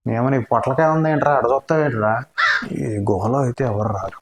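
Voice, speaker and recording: Young male VR streamer, fast insult comedy over a headset in an echoey, noisy room. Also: mid-range voice. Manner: insulting, teasing and yelling at game characters. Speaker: VR gamer streamer. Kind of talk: comic game commentary. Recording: echoey room with loud noise.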